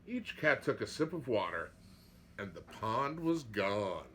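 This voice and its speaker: A man reading a picture book aloud as a storyteller, dramatic and expressive, with asides to listeners. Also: lowish voice, takes it slowly, slight background noise.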